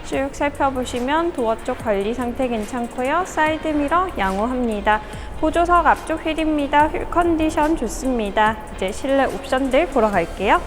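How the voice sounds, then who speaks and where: High-voiced female car dealership presenter, polite and orderly scripted walkaround, music underneath. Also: animated, moderate pace, hardly any pauses. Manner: polite, orderly inspection patter. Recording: music behind the voice. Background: background music.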